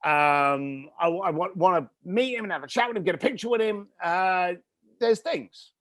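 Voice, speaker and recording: A man's voice: high voice, expressive, racing, gravelly, pitched above the performer's own voice. A man putting on a brash New York caller. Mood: stumbling. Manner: pushy bravado.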